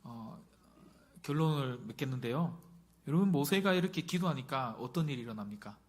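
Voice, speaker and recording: A man's voice: mid-range voice, lively intonation, a little fast. A middle-aged male pastor giving a conversational sermon and often putting questions to the congregation.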